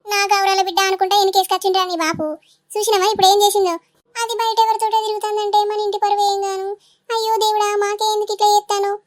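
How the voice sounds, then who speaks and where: Shrill wailing village mother. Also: little pitch movement, very fast. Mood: scolding. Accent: Telangana Telugu. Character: scolding middle-aged village mother, melodramatic. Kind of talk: cartoon voice acting.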